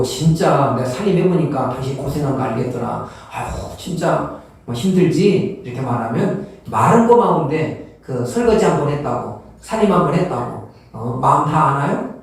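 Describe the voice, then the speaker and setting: A man preaching a sermon as a pastor, in a folksy, humorous way, often acting out everyday people in quoted dialogue. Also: mid-range voice. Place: church sanctuary. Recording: very echoey church from a distance.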